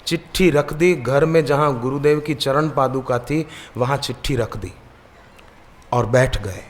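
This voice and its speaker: A man's voice: medium pitch, unhurried. Man preaching in a reverberant hall. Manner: lively storyteller who acts out the people in his anecdotes. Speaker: spiritual preacher. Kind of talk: devotional sermon with storytelling. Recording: long reverb of a large hall.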